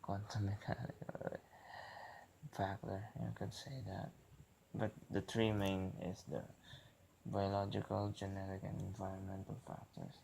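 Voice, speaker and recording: A man with a very creaky, lowish voice delivers a rambling philosophical rant. He talks casually and haltingly, circling back and repeating his phrases as he goes. The recording is clearly noisy. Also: completely flat delivery, dark tone. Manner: halting, repetitive, self-interrupting. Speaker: vlogger.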